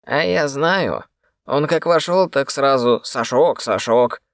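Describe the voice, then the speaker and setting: A man's voice: mid-range voice, slow pace, no room sound, studio quality. A man voicing a tired, irritable long-haired young man who grumbles in exasperation. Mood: exasperated. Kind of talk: audiobook character voice.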